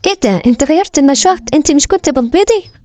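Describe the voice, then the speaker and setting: Quick, high Egyptian woman dubbing animals. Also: expressive, dark tone, no echo. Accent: Egyptian Arabic. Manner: playful, bantering. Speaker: comic voice-over dubber. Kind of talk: comic animal voice-over.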